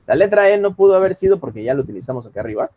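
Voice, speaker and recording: A man teaching English in an online class, explaining calmly and reading English example lines slowly. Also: sits high, lo-fi sound.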